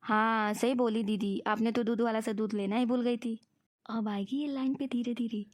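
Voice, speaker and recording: A woman's voice: a little high, steady tone, normal speed, lightly acted. A woman voicing a scheming younger friend who coaxes and tricks in a cartoon. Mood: teasing. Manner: coaxing, sweetly persuasive. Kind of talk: cartoon voice acting.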